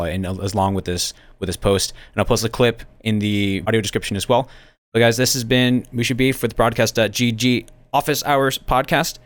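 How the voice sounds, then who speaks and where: A man hosting a podcast, speaking in a relaxed, halting way with many fillers. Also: on the low side, clean tone, dry recording. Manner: relaxed, hesitant, lots of fillers. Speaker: podcast host. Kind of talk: casual podcast interview.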